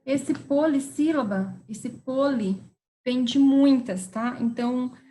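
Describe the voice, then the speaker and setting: A woman teacher with a high voice and dark tone patiently explains a grammar lesson on a rough recording. She spells words out slowly and keeps checking in with her students, often adding "tá?" and "certo?"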